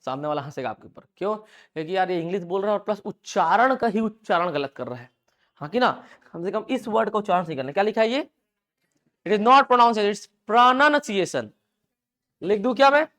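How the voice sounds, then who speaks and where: A man's voice: sits high, fairly bright tone. A man with an Indian accent teaching an English class, drilling pronunciation by asking students again and again and mixing Hindi with English words. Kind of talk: classroom lecture.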